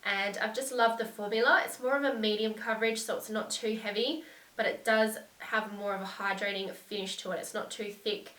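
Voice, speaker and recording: Still stuffed up from a lingering cold, a young beauty vlogger gives a casual, gushing review of her favourite products, her medium-pitched voice nasal yet bright. She speaks fairly quickly with fairly even intonation. The mic is distant and the room is echoey.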